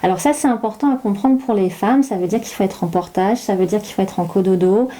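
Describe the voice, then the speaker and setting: Mellow-voiced woman explaining patiently. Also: medium pitch, fairly quick. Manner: warm, hesitant with many fillers and restarts. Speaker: guest, child development specialist. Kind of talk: explanatory interview talk.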